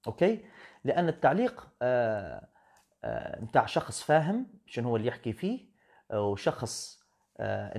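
Replying to viewer comments during a live stream, this male English teacher lectures firmly in a mid-range, darkish voice, switching to English now and then.

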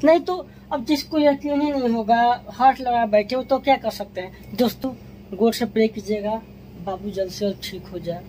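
A woman's voice: on the high side, normal speed, warm tone, a little hiss or hum, rough recording. A woman vlogger speaking to her viewers in a casual, matter-of-fact and reassuring way. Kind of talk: casual vlog talk to viewers.

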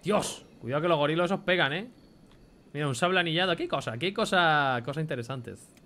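A man's voice: a little high, fast talker, bright, forceful tone. A young man with a Spain Spanish accent giving chatty let's play commentary, swearing casually and reading item names aloud. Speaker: gameplay commentator.

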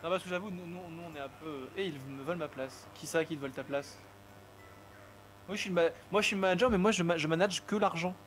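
A man's voice: sits high, fast talker, a bit bright, slight background noise. A man co-hosting a live stream, bantering and arguing jokingly in casual chat. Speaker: stream co-host. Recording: faint music in background.

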